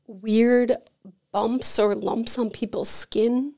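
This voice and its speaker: A creaky, fairly high-pitched woman's voice moves very slowly as she guests on a podcast. She runs an energy healing center and spins lively, chatty anecdotes, leaning on "like" again and again.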